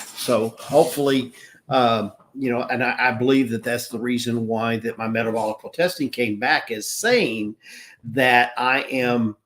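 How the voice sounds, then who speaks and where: A man's voice: mid-range voice, fairly bright tone, a little hiss or hum. A man in his sixties in casual live-stream talk, earnest and rambling, often restarting his sentences. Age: 60s. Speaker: wellness business owner.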